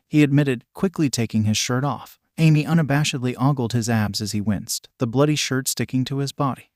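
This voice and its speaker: A man's voice: mid-range voice, a little mellow, no echo, studio quality. A synthetic male voice reading fan fiction aloud evenly, saying ellipses out as words.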